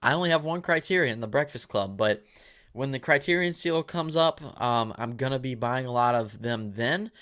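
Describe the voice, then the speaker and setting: A man's voice: mid-range voice, normal speed, a bit bright. A man in his twenties hosting a live movie Q&A, reading viewer questions and answering in a casual, rambling way with a dry mouth. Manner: casual, rambling, with fillers and restarts. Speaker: movie channel host.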